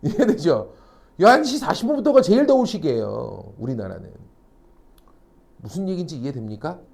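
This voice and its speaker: A man's voice: fairly high pitch, very animated, moderate pace, creaky, a little mellow. A middle-aged man teaching a class, telling anecdotes, teasing and mocking, and constantly checking whether students follow. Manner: mocking asides. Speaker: academy teacher.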